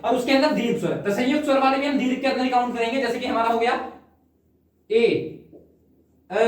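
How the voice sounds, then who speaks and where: A woman teaching Hindi grammar in an exam-prep lecture. She explains step by step, keeps checking in, and stretches out sample vowel sounds. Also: sits high. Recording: very echoey room, far from the mic.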